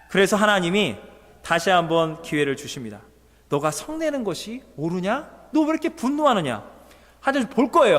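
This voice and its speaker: A male pastor preaching a sermon in a church, telling the story with animation and asking the congregation questions. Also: high-pitched. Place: church sanctuary. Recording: long church hall reverb.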